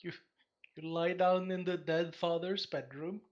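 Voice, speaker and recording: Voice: mid-range voice, steady tone, measured pace, a little mellow, dull audio. A game master narrating a tabletop game in a loose, hesitant way with many fillers.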